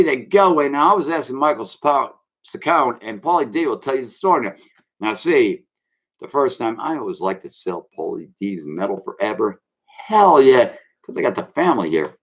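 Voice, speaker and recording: A man hosting his own online show, ranting loosely and calling his viewers kids. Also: mid-range voice. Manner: brash, swaggering, addresses viewers as kids. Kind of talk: rambling live-stream rant.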